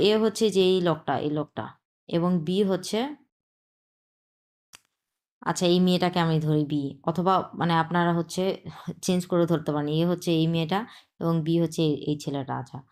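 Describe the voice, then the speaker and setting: A woman's voice: lowish voice, a little mellow. A woman with a Bangladeshi Bengali accent teaching an online language lesson, patiently explaining step by step and repeating sounds for practice.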